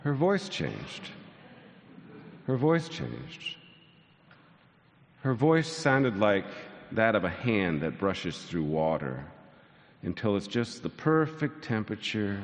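A pastor in his sixties preaching a sermon, telling stories with dry self-mocking humor and building to soaring lines. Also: sits low. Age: 60s. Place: large church sanctuary. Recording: long church hall reverb.

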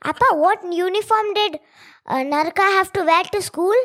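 A woman's voice: very high voice, moderate pace, bright, forceful tone. A young girl with a South Indian accent in a family dialogue, using Indian English phrasing. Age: child. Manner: Indian English phrasing, addresses father as Appa. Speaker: co-host, storyteller's child.

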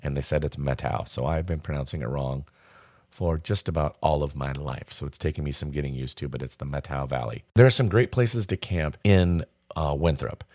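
A man's voice: extremely low pitch, moderate pace, darkish tone, no echo, studio quality. A man casually walking through a camping trip itinerary, giving friendly, practical tips with the odd filler. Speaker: travel and camping guide. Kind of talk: casual travel itinerary talk.

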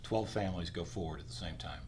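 A man in his sixties, a podcast guest, telling lively anecdotes in casual conversation. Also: low voice, fast, a little hiss or hum.

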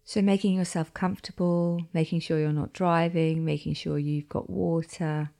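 A woman leading a guided meditation in a slow, soft-spoken voice that often drops into a half-whisper. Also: low-pitched, steady tone, vocal fry.

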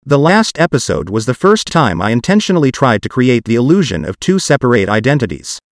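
A man's voice: mid-range voice, big pitch swings, brisk, dry recording, clean studio sound. Synthetic male podcast host, old speech synthesizer sound. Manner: evenly articulated, machine-like reading. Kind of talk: scripted podcast narration.

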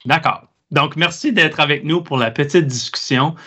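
A man's voice: on the high side, moderate pace, sharp tone, slightly rough. French-speaking man hosting a discussion. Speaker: host. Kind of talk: hosted discussion. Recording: dull lo-fi sound.

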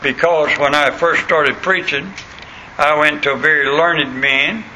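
A man with a rural American accent and a plain, untrained country voice preaches a folksy sermon full of anecdotes, scripture readings and questions to his listeners. His voice is on the high side, unhurried, bright and forceful, captured in a muffled and clearly noisy recording.

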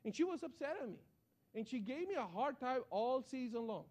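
High-voiced man preaching a lively sermon. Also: brisk. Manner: animated storytelling with frequent restarts. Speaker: pastor. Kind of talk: sermon with personal stories.

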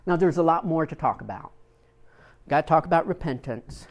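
A man's voice: on the high side, expressive, a little fast. A male pastor preaching a sermon, telling a personal story in an earnest, storytelling manner, often repeating words as he gets moved.

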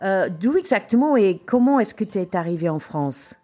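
A British woman whose first language is English hosts a podcast interview in French, chatty, upbeat and quick to laugh. Her voice is mid-range and mellow, with a sing-song lilt at normal speed.

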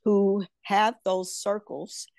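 A woman's voice: medium pitch, flat delivery, slow, a little mellow, no room sound, studio quality. A woman working as a political consultant, telling stories in an interview with a confident, emphatic manner and easy laughter. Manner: confident, emphatic storyteller who laughs easily. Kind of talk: conversational interview.

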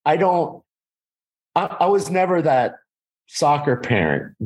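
A man's voice: on the high side, big pitch swings, slow pace. A man in his forties, a podcast guest, talking casually with lots of restarts and repeated words. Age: 40s. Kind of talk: casual conversation.

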